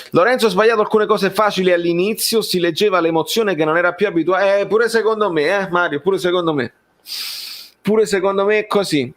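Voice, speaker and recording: Casting: male football streamer, higher-pitched voice, conversational and halting, repeats himself while replying to a live chat. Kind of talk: casual live-stream chat, reading and answering viewer comments.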